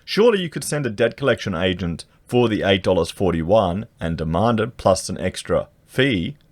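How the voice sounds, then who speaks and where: A man's voice: sits low, big pitch swings, normal speed, no room sound. An Australian man, a vlogger, reading news items aloud and breaking off into indignant commentary with slang and rhetorical questions. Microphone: podcast microphone.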